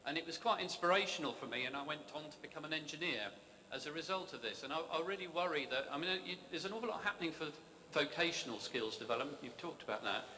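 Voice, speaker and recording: A man's voice: a little high, animated, fast, bright, forceful tone. A man in his fifties, an engineer in the audience, asking a question with hesitant ums and sort ofs. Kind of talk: question from the floor. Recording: hall reverb with faint room noise.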